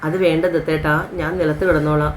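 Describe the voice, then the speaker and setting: A woman's voice: low-pitched, little pitch movement, quick pace, a little hiss or hum, natural voice. A woman voicing a shy, hesitant young bride in a story. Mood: timid. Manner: hesitant, timid.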